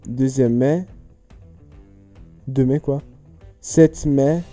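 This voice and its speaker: A man's voice: medium pitch, steady tone, drawn-out words, warm tone, faint music behind. A man chatting casually as he solves riddles aloud, rambling, joking and correcting himself mid-sentence. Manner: rambling, jokey, self-correcting. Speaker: youtuber. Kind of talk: casual chat solving riddles on camera.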